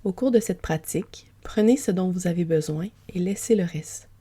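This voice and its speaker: This is a soft, breathy woman's voice, pitched on the low side, acting as a yoga nidra guide. She narrates guided sleep relaxation and meditation in a gentle, soothing, unhurried way.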